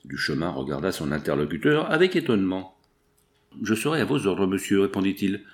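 A man's voice: very animated, brisk. Man narrating a classic novel. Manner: reads all parts, shifting pitch for each character. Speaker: audiobook narrator.

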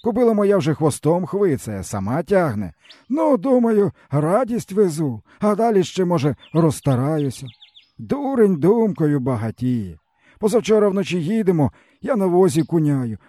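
A bitter, hungry peasant uncle, as a male reader puts him on rambles on in a mournful, folksy way. His voice sits higher than a narrator's and rises and falls with feeling, yet keeps a mellow softness. It is recorded close and dry, with no room sound. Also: sing-song, normal speed, no room sound. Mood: bitter, weary. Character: starving weary peasant uncle, bitter and fatalistic. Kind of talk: audiobook character reading.

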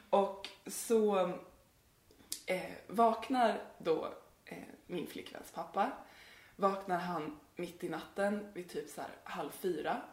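A podcast co-host with a lowish, reverberant voice tells a spooky story, rambling and giggling with plenty of fillers.

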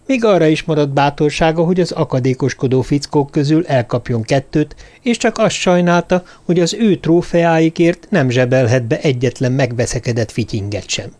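A man reading a thriller novel aloud as an audiobook narrator, calm and measured. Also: medium pitch. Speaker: audiobook reader. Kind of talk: scripted narration.

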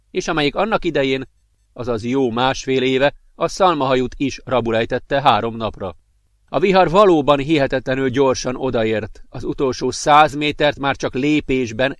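A man narrating a science fiction audiobook in a calm, even manner. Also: medium pitch, no echo. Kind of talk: scripted narration.

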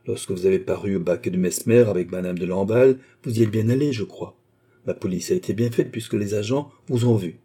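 A man's voice: fairly low pitch, a little fast, dark tone, breathy edge. A man reading an audiobook, voicing a suave male police chief who speaks with polite, smug deference.

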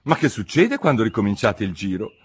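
A man's voice: lowish voice, very animated, a little fast, breathy edge. A man reading an audiobook, voicing a cautious, curious young girl in a careful, questioning, slightly raised voice.

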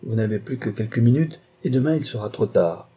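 A disdainful office clerk who brushes visitors off with curt, dismissive replies, as a male audiobook reader voices him. Dark and a little husky, never warm. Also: mid-range voice, lively intonation, fairly quick.

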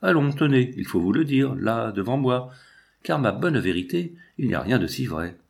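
A man voicing a teasing, lively younger sister in an audiobook reading, talking in a playful bantering way. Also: mid-range voice, normal speed, creaky, breathy edge, heavily acted.

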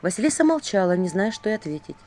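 A woman narrating a fairy tale as an audiobook reader, with an expressive reading. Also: medium pitch, fast talker.

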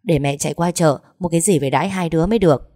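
A woman's voice: low-pitched, quick pace, dark tone, dry recording, clean studio sound. Woman voicing an anxious older village mother. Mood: worried. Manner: anxious, pressing questions.

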